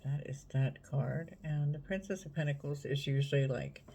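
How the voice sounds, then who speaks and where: A woman reading tarot cards in a casual, unhurried way, musing aloud and talking straight to the viewer. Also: deep voice, mellow, slight background noise. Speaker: tarot reader.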